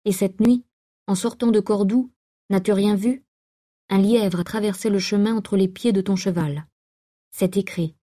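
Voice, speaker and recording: A woman's voice: mid-range voice, fairly even intonation, unhurried, mellow, natural voice. A woman reading aloud and voicing a defiant, sulky, fatalistic young woman.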